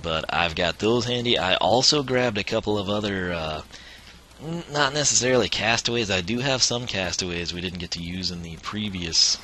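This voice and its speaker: A man's voice: on the low side, animated, moderate pace, pushed and bright, slight background noise. A man streaming a video game who is losing his voice, chatting casually and chuckling as he plays. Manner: chatty, rambling, chuckles often. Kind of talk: casual let's-play commentary.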